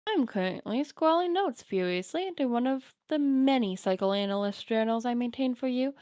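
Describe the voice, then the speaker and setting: A woman voicing a dry, sardonic teenage girl in a deadpan, wry manner. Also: a little high, moderate pace, dry recording, close to an everyday voice.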